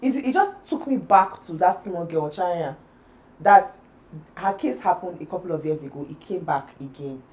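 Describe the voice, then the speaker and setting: A woman's voice: fairly low pitch, expressive, moderate pace, a little mellow, rough recording. A young woman from Nigeria co-hosting a casual podcast chat, talking with heated emphasis. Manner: impassioned, emphatic. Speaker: podcast co-host.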